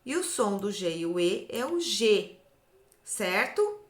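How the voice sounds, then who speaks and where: A Brazilian Portuguese woman teaching phonics to young children, stretching out syllables slowly and checking in after each point. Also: medium pitch, very animated, roomy sound. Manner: slow, drawn-out syllables, often ends with "tá?". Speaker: literacy teacher. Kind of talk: slow, clear phonics lesson for children.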